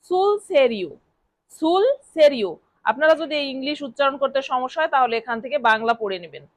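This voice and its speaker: A woman teaching a language lesson, repeating short phrases slowly and clearly for her students to practice. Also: high-pitched, animated, no room sound.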